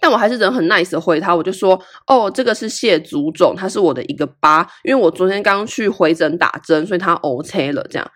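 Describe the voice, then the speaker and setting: A woman's voice: brisk, few pauses. A young woman, hosting a podcast and telling a personal story in a candid, casual way. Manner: candid and animated, with big swings in pitch. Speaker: podcast host.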